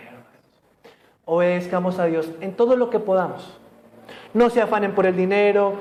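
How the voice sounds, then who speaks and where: A Colombian pastor with a high, slightly mellow voice preaches to his congregation during a church service streamed online. He often puts questions to the listeners, and he jokes and laughs as he goes.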